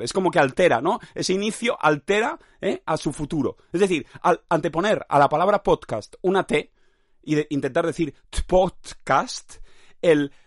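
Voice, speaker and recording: A man's voice: fairly high pitch, no echo, studio quality. A man hosting a podcast in a rambling, playful philosophical monologue, repeating phrases and often asking his listeners if they follow. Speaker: podcast host.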